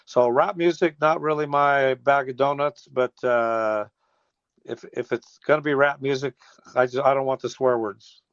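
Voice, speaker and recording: An American man in his sixties, a teacher and former air traffic controller, reminisces as a guest in a casual phone interview, folksy and rambling with trailing restarts. His medium-pitched voice is clean, with fairly even intonation at a moderate pace, and the dry recording comes over a dull, lo-fi telephone line.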